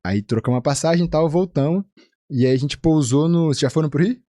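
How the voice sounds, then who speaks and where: A man from Rio de Janeiro with a Carioca accent, a physician guest telling a personal story in a casual, animated way and acting out the voices of the people in it. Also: fast, no echo, clean studio sound. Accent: Carioca Brazilian Portuguese. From Rio de Janeiro, Brazil. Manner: animated, acts out quoted voices with big pitch jumps.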